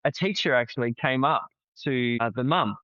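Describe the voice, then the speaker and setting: A man speaks as a guest on a podcast and tells stories in an earnest, conversational voice. His voice is smooth and resonant, and he often repeats a word as he restarts a thought. The recording is dry and a little dull. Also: mid-range voice, normal speed, pushed and bright, no room sound. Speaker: podcast guest, founder of a family program. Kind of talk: conversational storytelling.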